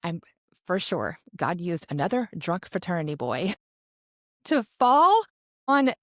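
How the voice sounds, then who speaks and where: A woman's voice: lowish voice, slow, dry recording, clean studio sound. A young adult woman co-hosting a podcast, telling a personal story in a chatty, casual way full of "like" and restarts. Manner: chatty, frequent "like" and self-corrections; animated when quoting herself. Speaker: podcast co-host.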